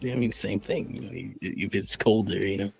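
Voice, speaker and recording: A man's voice: lowish voice, moderate pace, vocal fry, a little mellow, husky, faint music behind. A man playing a tabletop game, arguing a silly point with joking insistence. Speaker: player. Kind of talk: casual tabletop role-play.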